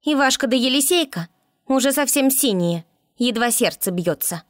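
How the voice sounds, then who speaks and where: A woman's voice: high-pitched, animated, moderate pace, no echo, clean studio sound, pitched above the performer's own voice. A woman reading an audiobook voices a bossy, scolding female water spirit in a raised voice. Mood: grumbling.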